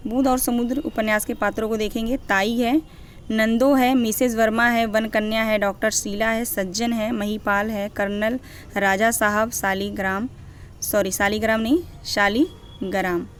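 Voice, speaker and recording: A woman's voice: fairly high pitch, level tone, normal speed, slight background noise. A young woman teaching literature for exam preparation. She reads out long lists of character names, checks in with her students, and corrects herself as she goes. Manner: corrects herself mid-list. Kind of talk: exam-prep lecture.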